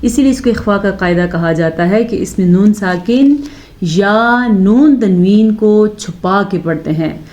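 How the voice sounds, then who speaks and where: Slow, patient woman teaching recitation. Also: mid-range voice, expressive, a little mellow. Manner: patient, corrects common mistakes, recites slowly and drawn out. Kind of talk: slow step-by-step recitation lesson.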